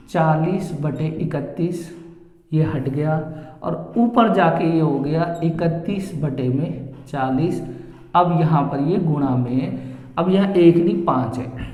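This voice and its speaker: Slow-talking male maths teacher, echoey room. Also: on the high side. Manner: explains each step slowly, repeating phrases. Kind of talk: step-by-step board lesson. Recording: echoey room with long reverb.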